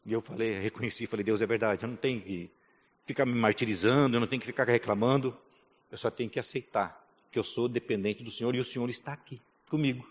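A man preaching a sermon, emotional, moving between a soft voice and a raised one. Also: mid-range voice, steady tone, fast. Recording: dull sound with long hall reverb.

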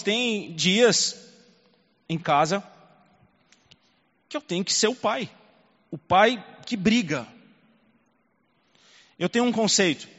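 A male pastor preaching a sermon and telling a personal story, moving between hushed and loud passages. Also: sits high. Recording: long reverb, dull lo-fi sound.

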